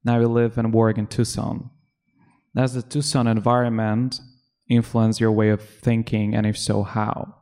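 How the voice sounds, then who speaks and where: A man interviewing a poet, asking questions in a gentle, affirming, measured way. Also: on the low side, completely flat delivery.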